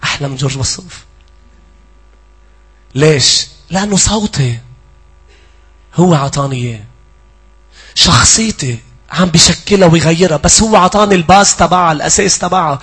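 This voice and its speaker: Lebanese guy preaching fast, kinda husky, fairly high voice, goes loud then soft. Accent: Lebanese Arabic. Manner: animated, swings between loud pleading and hushed asides. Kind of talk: sermon.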